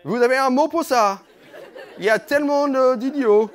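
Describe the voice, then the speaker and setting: A man's voice: very high-pitched, normal speed. A man, doing playful stand-up crowd work on a comedy club stage, teasing and mock-outraged. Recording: live club audience audible.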